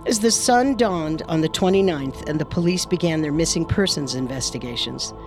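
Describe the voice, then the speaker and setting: A woman's voice: low-pitched, moderate pace, darkish tone, faint music behind. A woman delivering scripted true crime narration as a storyteller.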